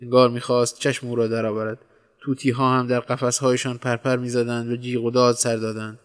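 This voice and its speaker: A man's voice: mid-range voice, little pitch movement, smooth. Man narrating a wry story.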